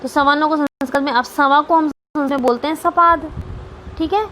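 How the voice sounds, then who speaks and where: Woman teacher, high voice, patient, repeats stuff and checks u got it, faint hiss behind. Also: normal speed, a bit bright. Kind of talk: Sanskrit grammar lesson for students.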